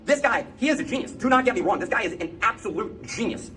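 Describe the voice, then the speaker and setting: Man on sped-up video playback, chipmunk pitch, very fast, indignant and emphatic. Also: animated, a bit bright, faint music behind. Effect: sped-up playback, high chipmunk-like pitch. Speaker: crypto influencer. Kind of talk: ranting video commentary.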